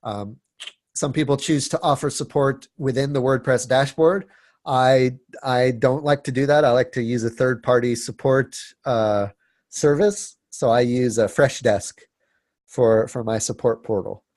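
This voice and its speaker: A man with a cold, stuffy and sniffling, presents a webinar casually, packing his speech with fillers, restarts, and repeated words. His voice is medium-pitched, slightly slow, and darkish, recorded with studio quality and no room sound.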